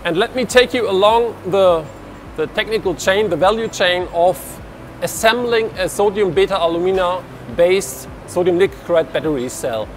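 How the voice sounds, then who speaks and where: A German researcher leads a lab tour through a large indoor industrial hall, talking into a lapel mic and gesturing as he explains. His voice sits high, his pace is moderate, and he often restarts his sentences over soft background music.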